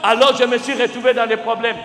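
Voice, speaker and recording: A man preaching a sermon as pastor, emphatic and swinging between shouted lines and near-quiet ones, asking the congregation questions and spelling out words. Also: very high-pitched, flat delivery, quick pace. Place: large church hall. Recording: echoey church hall with faint music.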